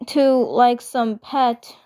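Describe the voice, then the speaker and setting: A woman's voice: a little high, steady tone, takes it slowly, warm tone, smooth. A woman voicing an arrogant male cartoon alien invader who is flustered, grudging and stammering. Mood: flustered, incredulous.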